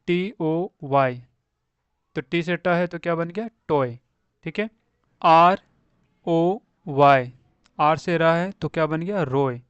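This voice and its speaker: A young man with a Hindi accent gives a slow spelling lesson for beginners learning to read English, spelling out words letter by letter and repeating them. His voice is on the high side, clear and resonant. There is no echo.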